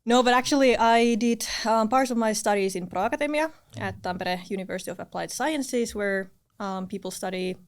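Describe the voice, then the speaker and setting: A woman's voice: medium pitch, a little fast, few pauses. A young woman from Finland with a mid-range voice, speaking as a podcast guest. She talks in a modest, light and friendly way in casual chat.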